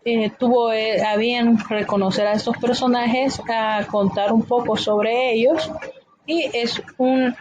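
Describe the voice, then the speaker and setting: Woman teacher, patient and halting. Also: fairly high pitch, fairly even intonation, a little mellow, a little hiss or hum, low-quality recording. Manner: patient, repetitive explaining with frequent "eh" fillers. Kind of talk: explanatory lesson.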